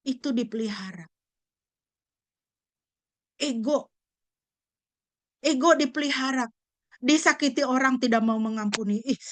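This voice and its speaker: Woman pastor, sermon, high voice, dry close mic, animated questioning delivery. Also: dry recording. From Indonesia. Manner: animated preaching with rhetorical questions.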